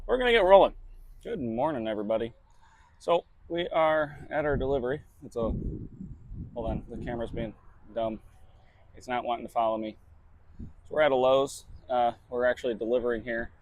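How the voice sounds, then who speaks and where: A man's voice: mid-range voice, brisk, creaky, long pauses. A truck driver talking casually to his camera while he works, in a laid-back, chatty way with casual swearing. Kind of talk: casual vlog narration.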